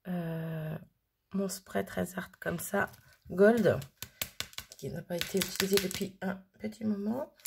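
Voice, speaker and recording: Chatty woman crafting, low gravelly voice. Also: background noise. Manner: chatty, thinks aloud with many fillers. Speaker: craft video host. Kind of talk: casual crafting tutorial chat.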